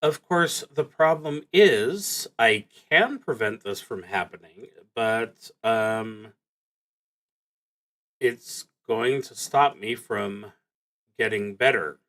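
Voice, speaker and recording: With a medium-pitched, animated, slightly bright voice, a man talks through his solo tabletop roleplaying game out loud. His musing is halting, and his thoughts tend to trail off before he finishes them.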